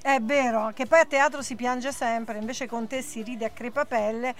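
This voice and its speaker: A woman's voice: fairly high pitch, fairly even intonation, normal speed, soft background music. A woman radio host interviewing a guest in an eager, conversational way.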